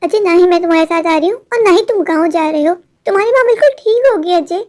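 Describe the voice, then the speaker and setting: A woman's voice: very high-pitched, quick pace, darkish tone. A woman voicing a scheming, selfish young wife who speaks with cold scorn. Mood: scornful. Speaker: voice actor.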